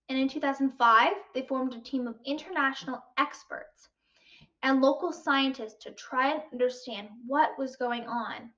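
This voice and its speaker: A woman's voice: sits high, fairly bright tone. A girl of about twelve giving a prepared school speech on wildlife in a careful, formal recitation. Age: child, about 12. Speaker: student speaker. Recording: distant, slightly muffled mic.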